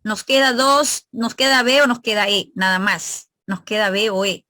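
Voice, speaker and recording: A woman's voice: medium pitch, moderate pace, pushed and bright, no echo. A woman teacher leading an online exam review class, asking her students questions and explaining grammar step by step.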